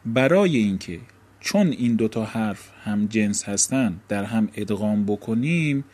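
Male teacher, husky and low, walks through grammar rules by asking himself questions. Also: animated, a little mellow. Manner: explanatory, asks and answers own questions. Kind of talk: Arabic grammar lesson.

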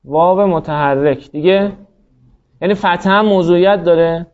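A man with a high, steady voice teaches grammar, breaking down every rule step by step and questioning his students as he goes. It's a classroom lecture captured with lo-fi sound.

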